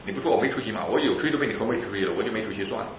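A man preaching a sermon in an animated, emphatic way, asking rhetorical questions and answering them himself. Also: fairly low pitch, rapid-fire, noisy background. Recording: roomy, slightly dull recording.

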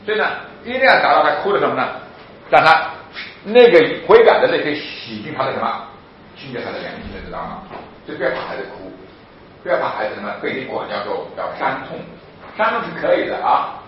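A man giving a lively sermon-style talk on parenting, laughing often and acting out children as he goes. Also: mid-range voice, fast talker. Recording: very echoey, dull lo-fi with faint noise.

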